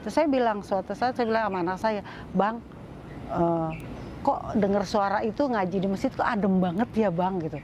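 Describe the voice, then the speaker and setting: A middle-aged woman tells her own story in a relaxed, chatty interview. She talks with many fillers and restarts and slips into the voices of the people she quotes. Faint background noise and birdsong sit behind her voice. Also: mid-range voice, moderate pace, lo-fi sound. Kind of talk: casual personal storytelling.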